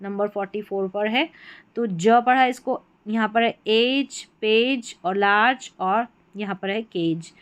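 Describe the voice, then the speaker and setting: A woman who speaks as her teaches English spelling patterns from a chart. She draws out each example word slowly between her explanations. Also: mid-range voice. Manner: slow, drawn-out example words between explanations. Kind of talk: spelling lesson walking through a chart.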